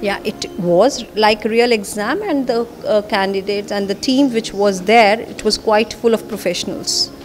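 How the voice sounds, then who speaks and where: A woman's voice: mid-range voice, a little slow, hardly any pauses, slight background noise. A young woman student explaining her view steadily into a handheld mic. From India. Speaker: student test-taker. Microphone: handheld microphone.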